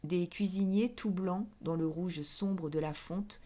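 A woman reading a classic novel aloud as an audiobook in a measured, steady way. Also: lowish voice. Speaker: audiobook reader.

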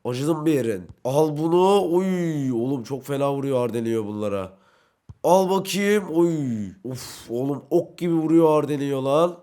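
A young man doing brash, excitable let's-play commentary, talking to himself and his in-game teammates while playing. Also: fairly high pitch, normal speed. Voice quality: brash, excitable, swings between shouting and muttering. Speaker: gaming YouTuber.

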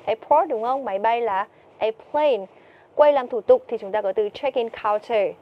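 A woman's voice: on the high side, moderate pace, lo-fi sound. A woman teaching TOEIC vocabulary, who keeps asking her students questions and answering them herself. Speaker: English teacher.

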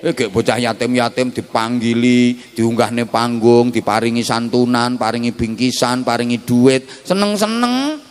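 A man's voice: medium pitch, completely flat delivery, normal speed, hardly any pauses. A male preacher with a Javanese accent giving a humorous sermon, teasing and quizzing his audience as he talks. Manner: jokey, mixes Javanese and Indonesian, quizzes the audience. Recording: hall reverb.

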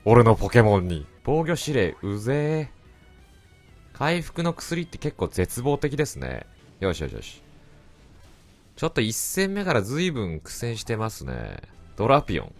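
A man giving casual, excitable commentary over his own gameplay and often shouting back at the game. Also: mid-range voice, a little slow, pauses often. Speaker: let's play commentator. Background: faint game music.

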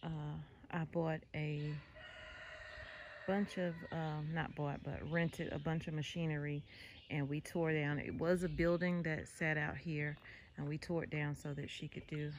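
A woman's voice: deep voice, little pitch movement, measured pace, noisy background. A woman, chatting and asking questions as she films a garden tour on her phone outdoors. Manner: chatty, asks lots of questions. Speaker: homestead vlogger filming a garden tour. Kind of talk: casual chat while filming. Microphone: handheld phone camera.

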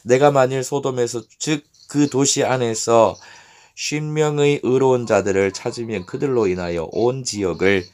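A man voicing God as a solemn, authoritative male deity who speaks in grave, measured pronouncements, in a scripture reading. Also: mid-range voice, darkish tone, natural voice.

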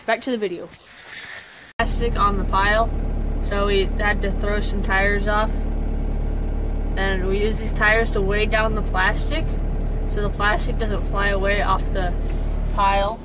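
Teen farm vlogger, mid pitch, slow easygoing delivery, on-camera in a loader cab, music bed. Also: little pitch movement, noisy background. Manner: casual, plain-spoken. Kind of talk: casual vlog narration. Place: skid loader cab and farmyard outdoors. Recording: loud background music.

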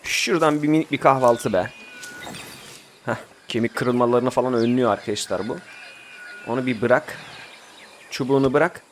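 A man's voice: mid-range voice, normal speed, long pauses, a little hiss or hum. A young man giving casual commentary while he plays a survival game, chatting and ordering his group around, with sudden outbursts. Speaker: gameplay commentator. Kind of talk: casual Let's Play commentary.

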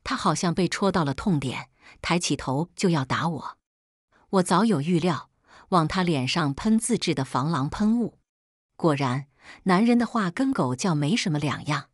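Woman reading a first person story, husky low voice, dry close sound. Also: no echo. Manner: calm, measured storytelling. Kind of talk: scripted first-person narration.

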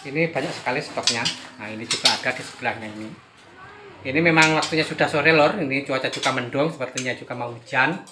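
A man's voice: mid-range voice, fast talker, background noise. A man from Indonesia filming a casual sales vlog outdoors at a bird shop, talking chattily and repeating set phrases. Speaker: bird seller.

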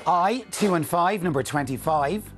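A man's voice: fairly high pitch, lively intonation, normal speed. Music plays behind a man in his forties calling bingo as a television presenter. His delivery is rhythmic and repetitive, announcing each number in the set pattern of a studio bingo caller. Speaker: bingo caller and TV game show host. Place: indoor TV studio. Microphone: lapel mic.

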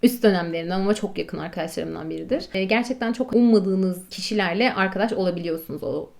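A woman's voice: mid-range voice, quick pace, creaky, darkish tone. A woman in her twenties chatting casually to camera, telling stories with self-mocking humor and frequent laughter. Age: 20s. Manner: chatty, self-mocking, laughs often, acts out own quotes. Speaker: vlogger, medical doctor. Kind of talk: casual storytelling chat.

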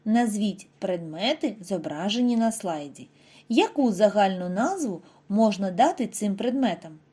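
A woman giving a scripted reading lesson to first graders, speaking clearly and stretching out example words slowly for the children. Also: medium pitch, lively intonation, mellow. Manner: slow, over-articulated model words for children. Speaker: primary school teacher.

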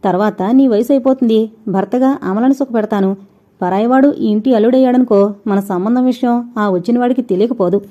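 A woman's voice: on the high side, a little fast, lightly acted. A woman voicing a brash, scornful young man who talks in a taunting, insistent way. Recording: dull lo-fi recording.

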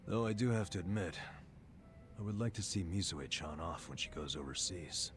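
A very deep-voiced, burned-out loser. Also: male voice, lively intonation, normal speed, over music. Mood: resigned, explaining. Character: weary, self-loathing burned-out middle-aged man. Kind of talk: English video game drama acting.

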